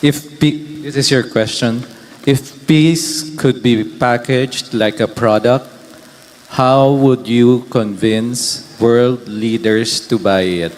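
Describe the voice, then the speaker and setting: A middle-aged man formally reading a question as a pageant judge, deliberately and clearly, into a handheld mic. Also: mid-range voice, fairly even intonation. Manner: deliberate, repeats for clarity. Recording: live event mic, faint venue noise.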